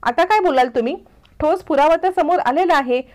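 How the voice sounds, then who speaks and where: A woman's voice: high voice, a little fast, voice pushed up, natural voice. A woman voicing an angry young man from a television serial, speaking sternly and scolding.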